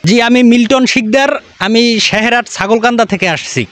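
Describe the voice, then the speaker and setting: An earnest contestant, played by a man, telling his office story in plain, everyday speech. His voice is on the high side for a man and stays simple and direct. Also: normal speed, a bit bright, no room sound.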